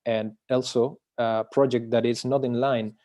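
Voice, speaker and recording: A man from Chile, presenting his book over a video call in an academic talk, pausing often with filler sounds and restarting phrases. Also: mid-range voice, little pitch movement, mellow.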